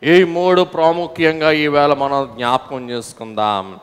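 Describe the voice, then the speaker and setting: Telugu accent preacher guy, slow deliberate sermon, clear smooth voice bouncing round a big hall. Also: a little high, fairly even intonation. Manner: calls out to the congregation to answer aloud; breaks into sung hymn lines. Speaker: pastor. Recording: long hall reverb.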